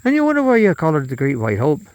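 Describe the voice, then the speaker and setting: A man's voice: a little high, wildly swooping pitch, fast, darkish tone, dry recording. A man delivering a rambling, profane political monologue, often trailing off and restarting.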